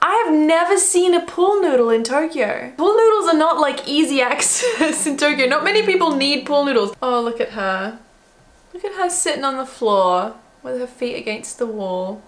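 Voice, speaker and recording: A vlogger with an Australian accent reacts to an old video of herself, chatting casually and rambling in a self-mocking way. Her voice is high-pitched with lively intonation at a moderate pace.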